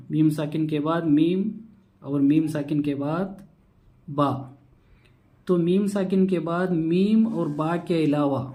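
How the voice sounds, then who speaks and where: Man, Quran reading lesson, slow spelled-out syllables, flat delivery, mellow dark tone. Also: fairly high pitch. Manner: spells syllables slowly, then explains rules briskly.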